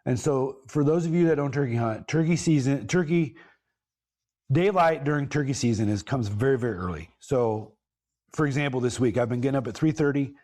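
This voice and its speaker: A man tells a long story on his podcast, mid-pitched and casual. He rambles, backs up to correct himself, and leans into bursts of emphasis. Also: fairly quick, darkish tone. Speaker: podcast host.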